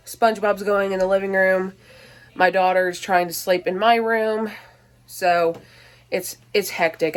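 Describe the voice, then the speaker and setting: This is a casual vlog from a woman in her twenties, a mom filming in her small cluttered home. She's a little short of breath and dealing with allergies, speaking at a middle pitch while she rambles through many "um"s and restarts.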